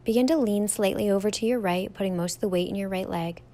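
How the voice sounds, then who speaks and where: A young woman, a yoga teacher, leading a standing guided meditation in a slow, gentle, soothing way, drawing words out softly. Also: medium pitch.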